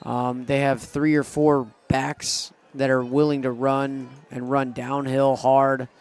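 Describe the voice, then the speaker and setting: A man's voice: medium pitch, flat delivery, takes it slowly. A man doing live play-by-play commentary on a school football game, eager and groaning when plays go wrong. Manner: eager, pleads with referees, groans at setbacks.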